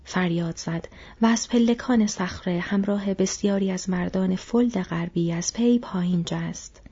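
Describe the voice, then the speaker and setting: Hushed woman narrating an audiobook. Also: medium pitch, husky. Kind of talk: scripted narration. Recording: dull lo-fi audio.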